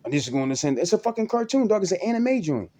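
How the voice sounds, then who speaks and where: A man's voice: sits high, sing-song, fast talker, dark tone. A man talking to the camera in a rambling, profane personal monologue, repeating himself and restarting sentences, with "you know what I'm saying" over and over. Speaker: vlogger.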